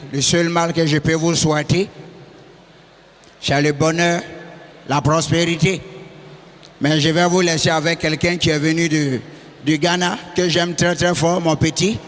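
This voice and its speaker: A man putting on a slow, solemn old president. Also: a little high, little pitch movement, fairly bright tone, pitched below the performer's own voice. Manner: slow, affectionate, ceremonial. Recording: hall echo from a live stage.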